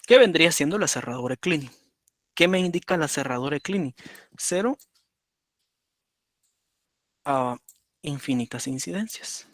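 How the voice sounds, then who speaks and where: A man's voice: a little high, expressive, a little slow, long pauses, no room sound. A man teaching a lesson at his computer, explaining step by step and checking in with "right?" as he draws. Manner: explanatory, repeats "por ejemplo" and "¿verdad?". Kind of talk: lecture on automata.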